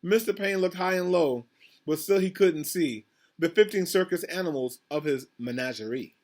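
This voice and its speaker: Casting: male principal doing a children's read-aloud, slightly raised pitch, conversational asides, questions to the listeners. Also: moderate pace, a little mellow. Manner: addresses children directly, asks questions, repeats himself. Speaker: school principal reading aloud.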